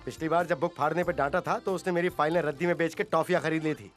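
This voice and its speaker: A man's voice: a little high, steady tone, quick pace, faint music behind, close to an everyday voice. A man playing a father who scolds his children in an exasperated way, in dubbed film dialogue.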